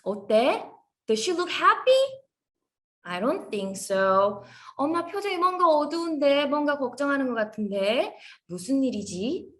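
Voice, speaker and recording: A woman teaching an English phonics lesson to young children in an animated, sing-song, encouraging way. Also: sits high, slow.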